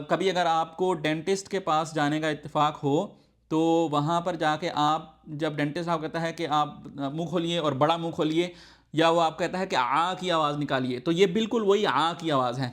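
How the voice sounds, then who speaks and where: Male language tutor, higher voice, patient and repetitive, demonstrates sounds aloud. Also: a bit bright. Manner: patient, often checks in with the learner; slowly demonstrates sounds, repeating them aloud. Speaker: Arabic teacher. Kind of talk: recorded language lesson.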